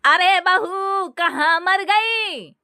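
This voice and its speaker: A shrill, demanding older mother-in-law barks orders in a high, swooping voice, as a woman puts her on. Every complaint is dragged out slowly and loudly, bright and sharp-edged, in a dry close recording. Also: no room sound, full character voice. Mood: scolding. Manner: shouting, slow drawn-out scolding.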